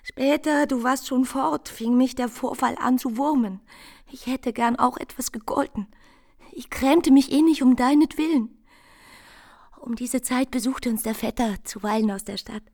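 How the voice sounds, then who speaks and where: An actress with a high female voice plays a tender, anxious young bride in a literary radio drama. At a moderate pace, she speaks intimately and often in a breathy hush, in a mood of earnest recollection.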